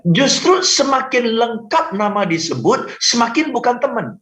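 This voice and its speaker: A man coaching on a radio talk show, animated, acting out sample phone calls and often asking for agreement. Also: very high voice, a little slow. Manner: animated, acts out phone calls, frequent "betul kan?". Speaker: sales trainer guest. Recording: roomy, dull lo-fi radio audio.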